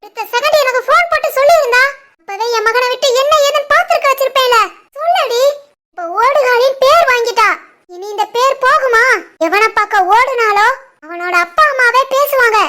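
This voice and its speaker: With background noise behind her, a woman voices an irate middle-aged village mother-in-law in an animated family drama. Her pace is brisk, her tone shrill and scolding, and her accent Tirunelveli Tamil.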